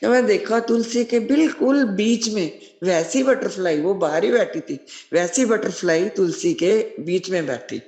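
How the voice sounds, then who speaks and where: A woman's voice: mid-range voice, measured pace, darkish tone. A middle-aged woman sharing a devotional testimony, earnest and devout, often repeating blessings. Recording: roomy echo.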